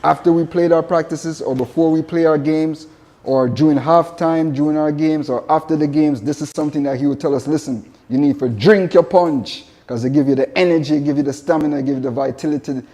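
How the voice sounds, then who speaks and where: A man's voice: fairly high pitch, fairly even intonation, brisk, mellow. A man from Jamaica with a Jamaican accent, a vegan chef giving a casual spoken presentation, earnest and repeating his points. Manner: earnest, repetitive phrasing with spiritual asides.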